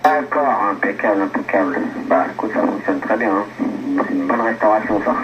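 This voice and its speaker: A man in his forties comes through over CB radio, with a steady hiss under his voice. His voice sits a little low. He chats in an easygoing way and swears casually. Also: brisk, highs cut off. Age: 40s. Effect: heard over CB radio. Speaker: CB radio operator. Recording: hissy CB radio signal.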